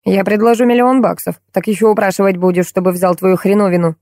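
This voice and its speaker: A woman reading an audiobook voices a rude, boorish rich man who shouts and insults. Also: medium pitch, steady tone, fast talker, no room sound, clean studio sound, lightly acted. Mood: rude, demanding.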